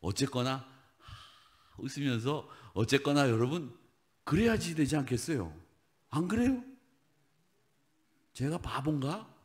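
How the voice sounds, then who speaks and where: Lively male pastor preaching. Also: medium pitch. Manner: animated, swings from loud exhortation to hushed whispered asides; talks directly to the congregation with questions. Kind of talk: sermon. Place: church sanctuary.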